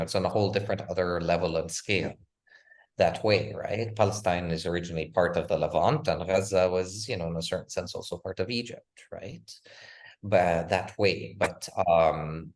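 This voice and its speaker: A man with a fairly low voice speaks as a guest in a long interview. His talk is emphatic and rhetorical, full of repeated phrases and pointed questions. He keeps pressing his case with conviction. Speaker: guest author.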